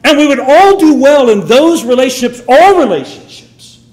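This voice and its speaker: Man, preacher, sermon, high voice, emphatic rise and fall. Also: animated, normal speed, darkish tone, roomy sound. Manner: emphatic, rising and falling delivery.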